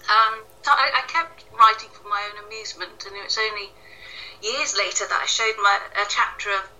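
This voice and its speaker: Speaking a little fast in a mid-range, pushed and bright voice, a Welsh author answers interview questions casually and with self-deprecation. She's indoors in her echoey home kitchen, and the call sound is distant and tinny.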